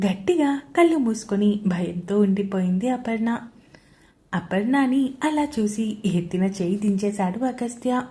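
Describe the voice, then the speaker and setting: Dark-voiced woman telling a romance story. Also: mid-range voice, unhurried. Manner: steady storytelling narration. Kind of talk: narrating a romance audio story.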